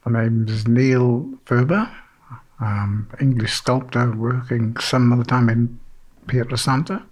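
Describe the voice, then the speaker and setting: A man's voice: mid-range voice, fairly even intonation, unhurried, darkish tone, faint music behind. Man from South Wales, rambling storyteller. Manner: rambling, frequent "you know", self-deprecating. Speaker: sculptor being interviewed. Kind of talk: relaxed interview storytelling.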